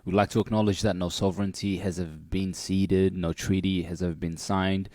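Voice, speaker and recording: A man's voice: deep voice, little pitch movement, fairly quick, a little mellow, dry recording, clean studio sound. A man speaking casually as a panellist in a livestream discussion. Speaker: youth arts panellist.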